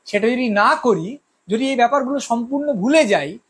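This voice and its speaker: A woman giving a measured, reflective spoken essay, reasoning aloud and asking rhetorical questions. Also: on the high side, animated, slightly rough. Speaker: speaker on social issues.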